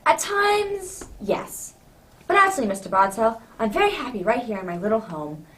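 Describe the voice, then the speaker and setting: Woman as old male doctor, genial, contented, radio drama storyteller, animated intonation, slightly distant mic. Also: fairly high pitch, normal speed. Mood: content, reflective.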